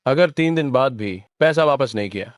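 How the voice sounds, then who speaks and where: A man's voice: medium pitch, expressive, moderate pace, dry recording, clean studio sound, lightly acted. A man dubbing a menacing debt-collecting thug. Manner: threatening, contemptuous. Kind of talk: Hindi drama dub.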